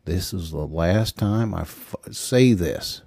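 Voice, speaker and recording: Give me a crude, hot-tempered young man, snarling and dismissive, low and dark, as a male narrator puts him on. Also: lively intonation, takes it slowly, slightly rough, no room sound, clean studio sound, full character voice.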